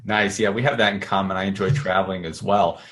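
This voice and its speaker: Low-voiced male interview host. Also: steady tone, quick pace, a bit bright, a little hiss or hum. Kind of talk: casual interview questions.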